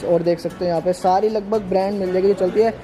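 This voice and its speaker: A man hosting a promotional store tour to camera, pushing discounts and brands in an insistent, repetitive hard-sell pitch. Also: fairly even intonation, fast talker, a crowd in the background. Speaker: vlog host touring a discount store. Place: inside a retail store. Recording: music playing behind the voice.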